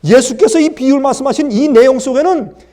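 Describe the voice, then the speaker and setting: A male pastor giving a dramatic, animated sermon and talking directly to the congregation. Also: extremely high pitch, fairly quick.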